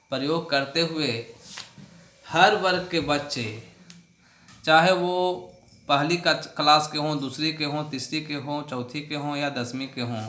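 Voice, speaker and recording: A man teaches a handwriting lesson, spacing out each instruction slowly and deliberately. His voice sits a little high and sounds bright. The recording carries a noticeable room echo. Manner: slow, deliberate instructional delivery.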